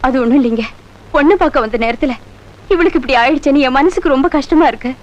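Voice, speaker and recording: A middle-aged woman playing a mother who scolds and pleads quickly in a film scene. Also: high-pitched, muffled recording, close to an everyday voice. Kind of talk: Tamil film dialogue. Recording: film soundtrack with loud music behind. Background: film score music.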